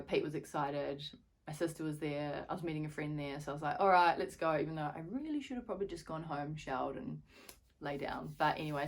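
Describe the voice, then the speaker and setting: A woman's voice: low voice, a bit bright. A woman in her thirties telling a story in a chatty, rambling vlog with many fillers and restarts. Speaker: fitness vlogger.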